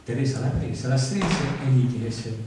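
A man's voice: expressive, measured pace, noisy background. A man giving a theatrical, rhythmic recitation of comic verse at a live event, recorded from a distance in a large hall. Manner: rhythmic, dramatic delivery with varied pitch. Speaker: poetry reciter. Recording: echoey hall, far from mic.

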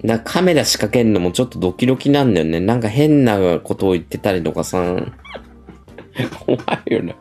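A man's voice: fairly low pitch, lively intonation, brisk, dark tone, soft background music. A middle-aged man livestreaming, telling stories in a chatty, gossipy way with a feminine speech style. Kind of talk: casual livestream chat.

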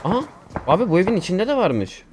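A man talks through a mobile shooter match in loose, lively commentary, calling out enemies and joking with teammates. Faint gunfire and game noise sit behind his voice. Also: high-pitched, quick pace. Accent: Turkish. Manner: excitable, swears casually, talks to viewers and teammates. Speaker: gaming YouTuber. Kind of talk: casual gameplay commentary.

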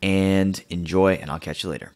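A man's voice: sits low, fairly even intonation, normal speed, over loud music. A man hosting a podcast, chatting casually and laughing easily with his guest. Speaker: podcast host.

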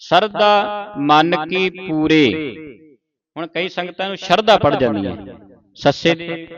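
Brief slow, deliberate man teaching recitation. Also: fairly high pitch, lively intonation, highs cut off, a crowd in the background. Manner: deliberate, repeats words syllable by syllable and checks understanding. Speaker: scripture pronunciation teacher.

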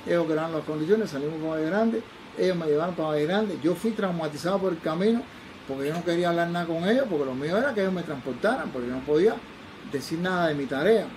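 Fast-talking older Cuban man telling stories. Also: on the high side, animated, a little mellow, slight background noise, low-quality recording. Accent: Cuban Spanish. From Cuba. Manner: acts out the voices of people he quotes. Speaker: forensic toxicologist. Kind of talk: animated personal storytelling.

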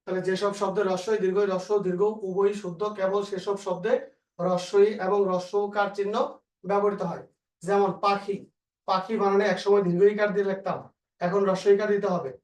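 Man, teacher, Bangladeshi Bengali accent, slow repetitive dictation, flat delivery, distant mic. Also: sits high. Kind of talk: spelling lesson, dictating rules. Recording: echoey room, voice a bit far from the mic.

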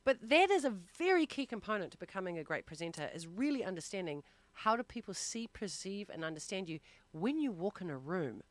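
A woman's voice: medium pitch, very animated, fairly quick. A woman guest on a radio interview, a presentation coach, talking in a chatty way with easy laughs and plenty of fillers.

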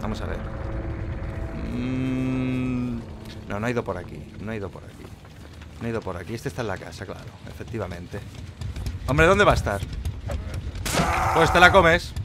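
A man giving live, mocking commentary while playing a horror game, jumping between loud outbursts and low muttering. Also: animated, a little fast, long pauses, background noise. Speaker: gameplay streamer.

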